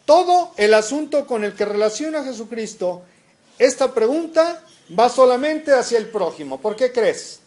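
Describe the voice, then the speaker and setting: Man, preacher, sermon, high voice, lively rising-and-falling delivery. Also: moderate pace. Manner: asks the congregation questions, reads scripture aloud.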